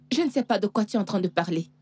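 A woman's voice: mid-range voice, animated, brisk, darkish tone, breathy edge. An actress dubbing an evasive young woman dodging her brother's questions in a film. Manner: evasive, coaxing. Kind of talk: dubbed film dialogue.

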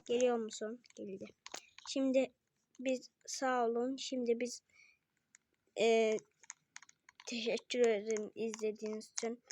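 High-voiced excitable female gamer. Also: a little slow, long pauses. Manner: animated, playful, bursts of shouting and quiet counting. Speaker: gaming video host. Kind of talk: excitable casual gameplay commentary.

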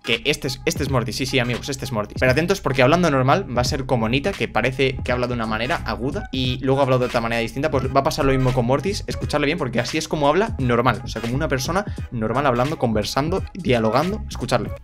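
A man with a Spain Spanish accent, hosting a casual reaction video in an excitable, chatty manner. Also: mid-range voice, fast, few pauses, music in the background. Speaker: YouTube host.

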